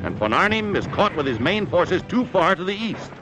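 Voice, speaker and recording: A man's voice: sits high, big pitch swings, moderate pace, background noise. A man narrating an old 1940s wartime newsreel in a dramatic, emphatic announcing manner. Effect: old wartime newsreel sound. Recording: narration over loud orchestral music.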